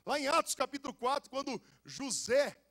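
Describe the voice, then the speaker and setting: A young adult man, a pastor with a Goiás accent, preaching a lively sermon full of jokes, stories and casual slang. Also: very high voice, moderate pace, gravelly. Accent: Goiás Brazilian Portuguese. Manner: animated and joking, with casual slang.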